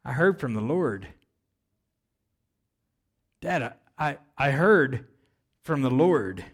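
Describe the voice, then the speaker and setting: A man playing a tearful young daughter who speaks softly and haltingly. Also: medium pitch, big pitch swings, husky, exaggerated voice. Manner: soft, halting, stammering.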